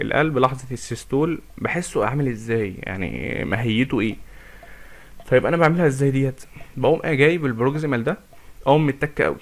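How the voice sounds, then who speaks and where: A man's voice: mid-range voice, creaky. A man with an Egyptian Arabic accent giving an informal medical lecture, explaining step by step with rhetorical questions and English medical terms.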